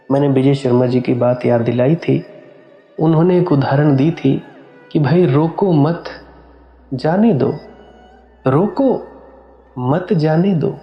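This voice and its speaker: A man giving a spiritual discourse, earnest and direct, repeating phrases in a steady rhythm as he speaks to his listeners. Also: medium pitch, echoey room. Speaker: spiritual teacher. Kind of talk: satsang discourse.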